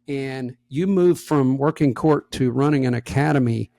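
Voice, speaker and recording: Gravelly man telling a workplace story. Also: medium pitch, normal speed, dry recording, studio quality. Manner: animated anecdote teller, acts out quotes. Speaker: podcast co-host. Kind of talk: casual storytelling chat.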